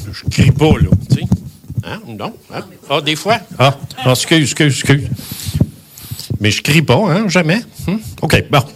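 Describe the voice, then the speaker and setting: A man in his seventies with a Québécois accent, telling a personal story in an emphatic, animated way and swearing often. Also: medium pitch. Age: 70s.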